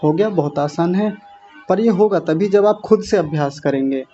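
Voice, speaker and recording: A man teaching a class, drilling each word slowly syllable by syllable and correcting his learners' pronunciation. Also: high voice, mellow. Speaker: teacher of a Sanskrit recitation class. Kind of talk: online class teaching recitation. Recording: dull lo-fi sound with faint music.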